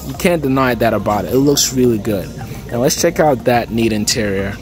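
An aviation vlogger gives a casual walkaround tour of a plane inside a large expo hangar, speaking fairly quickly in a mid-range voice. He's relaxed and chatty, sprinkling in plenty of "okay" and "uh," while music and crowd chatter fill the background.

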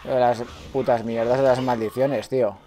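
A man's voice: medium pitch, fairly even intonation, normal speed, warm tone. A man from Spain with a Spanish accent, streaming a game live, swearing often and chatting with his viewers. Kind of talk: live gameplay commentary.

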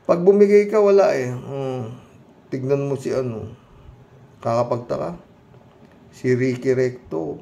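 A man's voice: mid-range voice, gravelly. A middle-aged man giving casual spoken commentary to viewers, emphatic and heated, firing rhetorical questions with frequent interjections. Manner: quieter and more subdued when reading comments and signing off.

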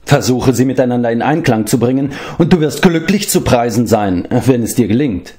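A man voicing a jovial, talkative bard who declaims with lively emphasis in a storybook reading. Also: medium pitch, moderate pace, pitched above the performer's own voice, lightly acted. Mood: hearty.

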